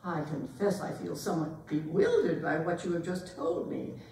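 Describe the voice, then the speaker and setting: A woman's voice: low-pitched, moderate pace, vocal fry, a little mellow, a little hiss or hum. A woman playing a haughty, imperious older aristocratic lady in a staged period comedy reading, pompous and emphatically disapproving. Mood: stern disapproval. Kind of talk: theatrical readers' theatre performance of a period comedy. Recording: echoey hall, distant microphone.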